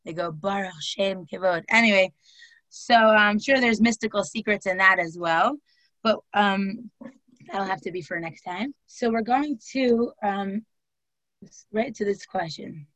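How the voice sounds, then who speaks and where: A woman's voice: mid-range voice, unhurried, no echo, poor audio. A woman teaching a class, asking her listeners question after question and mixing Hebrew terms into her talk. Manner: lively, asks questions, uses Hebrew terms. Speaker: Torah teacher. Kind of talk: classroom lecture.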